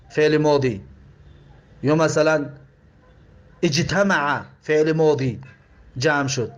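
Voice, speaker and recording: High-voiced man teaching grammar, Tajik accent. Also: dull audio. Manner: slow, repeats words and asks pupils questions. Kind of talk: explaining lesson.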